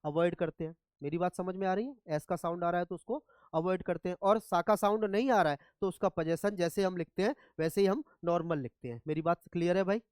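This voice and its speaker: A man's voice: sits high, quick pace, few pauses, darkish tone, no room sound. A man teaching English grammar in a classroom lecture, often checking whether students follow. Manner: asks students repeatedly if they follow.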